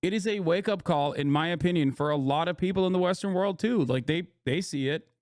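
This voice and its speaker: A man's voice: a little high, fairly quick, a little mellow, dry recording, studio quality. A man hosting a live stream, ranting to his chat in a profane, emphatic way. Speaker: streamer host reacting to news. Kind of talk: casual live-stream commentary.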